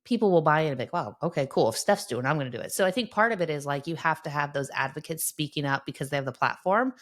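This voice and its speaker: Low-voiced woman, earnest and encouraging. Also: lively intonation, quick pace. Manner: earnest, encouraging, often adds "right?". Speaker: guest sports psychologist. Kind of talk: conversational podcast interview.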